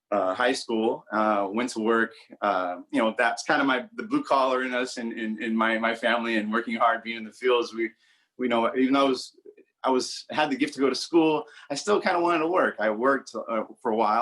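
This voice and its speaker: A man in his forties from Southern California speaks casually as an interview guest, rambling and repeating words while he searches for phrasing. His voice is medium-pitched with a fairly bright tone.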